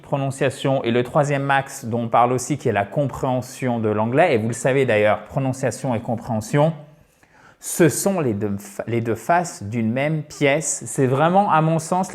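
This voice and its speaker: A middle-aged man, an online English teacher, chatting straight to his viewers about a free course, addressing them as friends and checking in with them again and again. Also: medium pitch. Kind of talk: direct-to-viewer course promotion.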